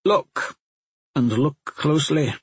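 A man voicing a stern, scornful older witch who speaks in a cold, imperious, impatient way, with a husky voice in a dry recording. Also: a little high, animated, slow pace, no room sound, pitched above the performer's own voice, heavily acted.

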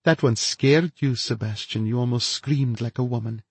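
A man voicing a feverish, unhinged woman scientist who gloats in a high, breathy, lilting voice. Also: normal speed, no echo. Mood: gloating.

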